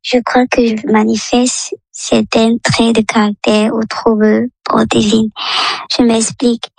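A woman's voice: a little high, level tone, measured pace, gravelly, no echo, low-quality recording. A woman from Cameroon leaving an earnest recorded voice message, her voice altered by a voice changer to hide who she is. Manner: earnest, explaining her feelings step by step. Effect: voice changer disguising her voice. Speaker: listener leaving a question.

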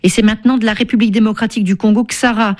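A woman's voice: mid-range voice, steady tone, rapid-fire. A woman hosting a radio talk show, speaking in an emphatic, empathetic way and often repeating words. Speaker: radio host.

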